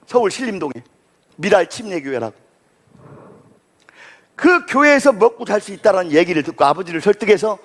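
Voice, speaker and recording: A man giving a motivational lecture, telling stories in an animated, folksy, dramatic way. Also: high voice.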